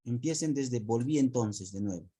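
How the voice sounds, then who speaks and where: A man's voice: medium pitch, expressive, normal speed, mellow, husky. A man teacher explaining to a class over a video call, often repeating words, restarting phrases and asking questions.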